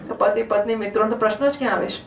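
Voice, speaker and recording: A woman's voice: a little high, racing, gravelly, a little hiss or hum. A woman giving a devotional scripture discourse in a conversational way, often asking the audience questions. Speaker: religious storyteller. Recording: roomy hall, distant mic, faint ambience.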